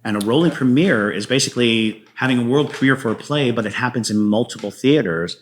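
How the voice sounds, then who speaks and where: A playwright guest in an interview talks casually and enthusiastically, his mid-range male voice rambling and halting.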